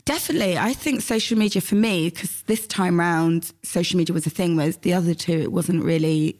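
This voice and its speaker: A woman in her late thirties, a mother of three, chatting relaxed as a podcast guest. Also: fairly low pitch, brisk. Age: late 30s. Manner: relaxed, chatty, with frequent "um" and "you know". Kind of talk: casual interview chat.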